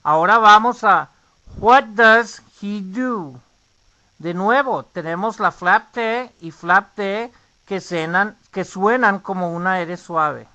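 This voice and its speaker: A man's voice: sits high, bright, forceful tone. A man teaching an English pronunciation lesson, repeating each phrase for learners to copy.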